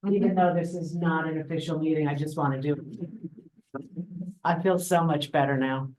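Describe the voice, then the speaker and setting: A woman's voice: low voice, fairly even intonation, moderate pace, a little mellow, low-quality recording. Breezy woman chairing a meeting. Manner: joking, breezy. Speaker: meeting chair, executive director. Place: meeting room.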